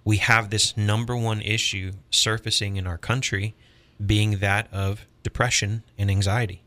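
A man co-hosting a faith podcast explains ideas in a measured, teacherly manner and cites scripture. His pitch is low, and his tone is bright and forceful. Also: little pitch movement. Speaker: podcast co-host. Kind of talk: preaching-toned discussion.

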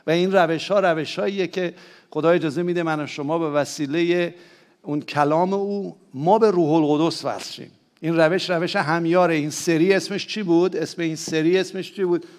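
A man with a Persian accent, preaching a sermon to his church. He keeps asking the congregation questions and calls on them to answer aloud. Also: on the high side. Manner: rises to emphatic, excited peaks. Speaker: pastor.

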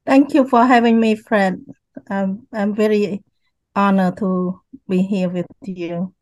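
Slow older Cambodian-accented woman. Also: mid-range voice, fairly even intonation, a little mellow, dry recording, rough recording. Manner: slow, halting, repeats words. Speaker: guest. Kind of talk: telling her life story in an interview. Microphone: video call.

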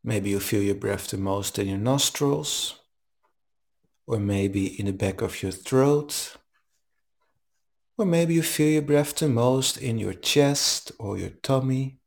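Male meditation teacher, calm and soothing, very unhurried delivery, leaves space between short instructions. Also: medium pitch, vocal fry. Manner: slow, calm, soothing, with long pauses. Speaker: meditation teacher leading a live online session.

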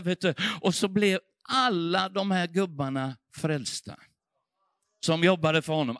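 A middle-aged male preacher tells a revival story in a fervent sermon. His voice sits high and sounds bright and ringing. He swings between hushed passages and loud surges, recorded dry with little room sound. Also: no room sound. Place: church.

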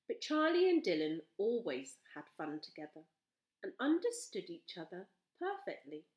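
A woman reading a children's storybook aloud, slowly and with expression. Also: mid-range voice. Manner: slow, expressive. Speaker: storybook reader. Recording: roomy echo.

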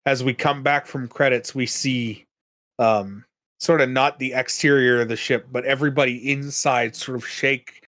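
A man's voice: medium pitch, steady tone, normal speed, a bit bright, no echo. Man narrating as game master. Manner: hesitant, many fillers.

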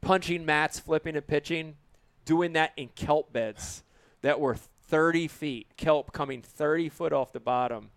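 A man with a slightly high, gravelly voice talks casually as a fishing show host. He is enthusiastic and emphatic, often restating a point. The sound is dry and close. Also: unhurried, no room sound. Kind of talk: casual group chat about fishing.

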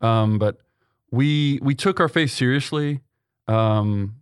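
A man's voice: medium pitch, takes it slowly, clear, resonant tone, no room sound, clean studio sound. A young man from Texas, a seminarian, answering interview questions in an earnest way, with many ums and restarts. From Texas, USA. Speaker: seminarian guest. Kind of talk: conversational interview.

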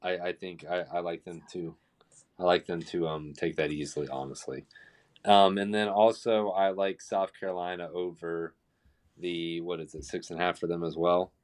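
A man with a deep, low voice is heard calling in over the phone, a little distant from the mic. He gives his picks in a loose, casual way and often stammers over the opening words of his sentences. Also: fairly even intonation, normal speed. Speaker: co-host giving betting picks. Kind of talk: casual sports betting chat.

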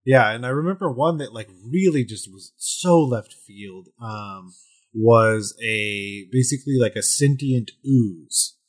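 Male podcast host, husky mid-range voice, casually explaining with emphatic repeats. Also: mid-range voice, unhurried. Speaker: podcast host and game master. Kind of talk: casual explanatory chat about tabletop gaming.

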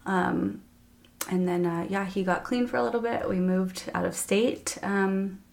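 Woman, thirties, podcast guest, mid-range voice with gravel, emotional and halting. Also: medium pitch, fairly even intonation, a little mellow. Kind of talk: candid personal faith testimony.

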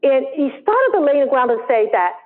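A woman's voice: sits high, very animated, brisk. A woman from China with a Chinese accent, giving an emphatic, conversational keynote talk at a conference. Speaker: conference speaker. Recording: tinny phone-like audio.

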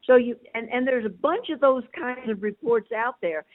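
An older woman's voice comes down a thin, tinny phone line, pitched somewhat high for a woman. She is a caller who talks emphatically and chattily, stacking up one point after another. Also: moderate pace. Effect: over the phone, tinny line. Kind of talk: casual call-in chat.

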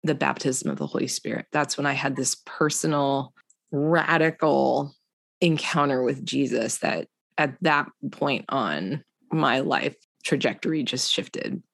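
A woman with a low, deep voice, telling a personal story in an easy, chatty way. She jumps into other people's voices as she quotes them. The sound is dry and close, with no room echo. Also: unhurried, creaky. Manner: animated storyteller acting out quotes. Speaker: guest. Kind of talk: casual testimony conversation.

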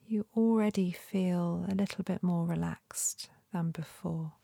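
A woman leading a guided meditation in a soft, breathy, often near-whispered voice with a gentle, soothing manner and long pauses. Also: on the low side, fairly even intonation, no echo, studio quality.

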